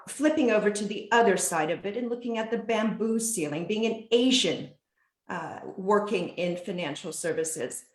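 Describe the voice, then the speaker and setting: A woman bank executive speaking earnestly as a panelist in an online event, with a measured delivery and the occasional filler. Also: mid-range voice, reverberant. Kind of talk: panel talk on a video call.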